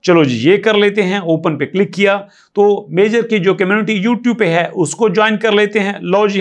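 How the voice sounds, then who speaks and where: A man talks viewers through a screen tutorial in a voice-over. He tallies numbers step by step, repeats his points and keeps urging them to listen closely. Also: high-pitched. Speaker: crypto tutorial YouTuber.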